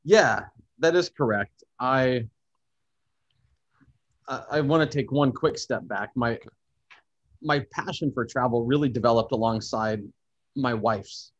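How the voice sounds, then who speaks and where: A man's voice: mid-range voice, unhurried, pauses often, no echo, lo-fi sound. A man, a podcast guest, telling reflective stories about travel, teaching and photography in an expansive, thoughtful way. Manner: thoughtful, expansive, speaks of cultural experiences warmly. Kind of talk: reflective storytelling in conversation.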